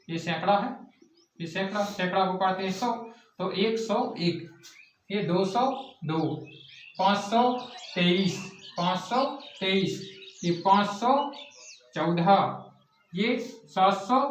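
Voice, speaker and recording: High-voiced male teacher, echoey room. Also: a bit bright. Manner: repetitive, drilling questions and answers. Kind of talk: classroom math lesson. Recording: echoey distant lo-fi classroom recording.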